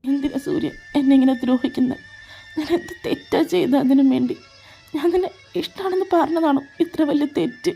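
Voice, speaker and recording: A woman's voice: fairly high pitch, fairly quick, mellow, lightly acted. A woman voicing a heartbroken young man in a fan audio drama, pleading and tearful. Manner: pleading, crying out in protest. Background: faint background music.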